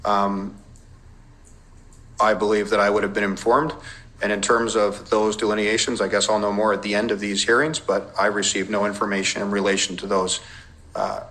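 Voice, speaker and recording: A man's voice: on the low side, little pitch movement, fairly bright tone, low-quality recording. A man, a police intelligence officer giving careful, precise formal testimony under cross-examination. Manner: measured, precise, careful wording with legal references.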